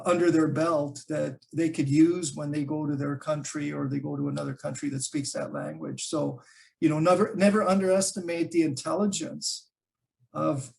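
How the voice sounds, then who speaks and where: The guest is a man from Canada who grew up speaking Calabrese Italian dialect, and his gravelly voice runs on the high side, a little mellow. Chatty and relaxed, he works out his thoughts aloud with lots of fillers and false starts. It's a conversational interview recorded on a video call.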